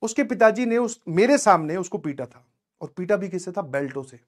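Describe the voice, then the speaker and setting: A man's voice: high voice, lively intonation, a little fast. A young adult man, a teacher giving a motivational talk to his students in a conversational way, often checking that they have understood.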